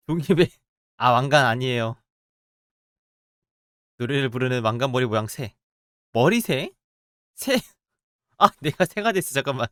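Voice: medium pitch, a bit bright, dry recording, clean studio sound. Chatty streamer muttering while drawing. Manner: chatty, muttering to self, quick playful reactions. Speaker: game streamer. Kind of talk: casual let's-play commentary while drawing.

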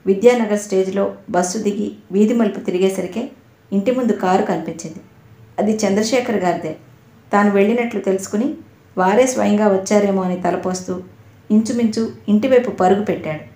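A woman reads a novel aloud in a measured, even storytelling manner. Her voice sits at a middle pitch. The room around her gives it a noticeable echo. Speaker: audio novel narrator. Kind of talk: scripted narration of a novel. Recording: roomy echo.

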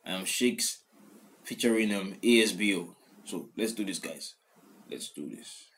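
A young adult music reaction host sits in a small indoor room as a song plays, casually repeating lyrics with plenty of fillers and false starts. He has a deep, animated voice with a fairly bright tone and speaks at a measured pace.

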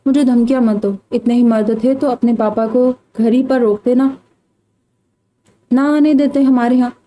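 Stubborn young woman in a storybook, read by a woman, cool and taunting, higher voice. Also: steady tone, normal speed, warm tone, lightly acted, rough recording. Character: bold, stubborn young woman, self-assured.

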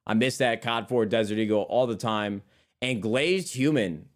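A man's voice: on the low side, moderate pace. Rambling, cursing streamer guy. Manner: rambling, profane, calls listeners brother. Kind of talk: casual chat.

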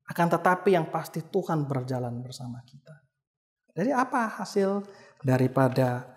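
Animated male preacher in echoing chapel. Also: a little high. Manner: animated, rhetorical questions. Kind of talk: sermon. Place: chapel hall. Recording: long hall reverb.

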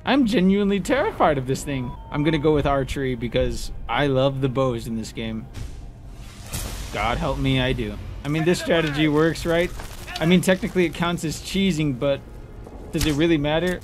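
A man with a slightly high, expressive voice talks at normal speed over soft background music. He gives easygoing commentary on his game, playfully exclaiming and taunting enemies amid clearly noisy game sounds.

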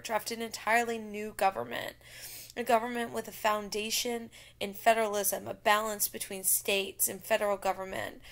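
A woman teaches a history lesson, narrating over slides and speaking directly to her students. Her voice sits at a middle pitch with a gravelly, fry-edged texture, and her delivery is steady and explanatory.

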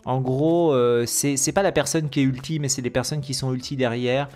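A man hosts a gaming video and talks loosely through patch notes at a middling pitch. He stumbles through fillers and restarts, and he reads the English terms with a heavy French accent. Soft music plays faintly under his voice. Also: fairly even intonation, moderate pace. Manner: hesitant, many fillers and self-corrections. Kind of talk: casual commentary on game patch notes.

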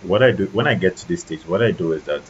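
A man with a husky, tired voice talking through a photo-editing tutorial in a relaxed way, with many ums and restarts. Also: low-pitched, quick pace. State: tired late at night. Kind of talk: screen-recorded software tutorial. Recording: dull lo-fi mic with faint noise.

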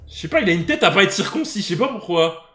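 A young man with a high, very animated voice. He talks in mocking street slang as he reacts to a video, unhurried, in a roomy space. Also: soft background music. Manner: slangy banlieue French street talk, mocking. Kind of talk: casual live reaction commentary. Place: indoor room at home, on webcam.

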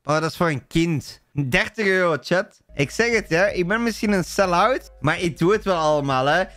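A young man streaming live, talking excitably to his chat and shouting now and then. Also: high voice, moderate pace.

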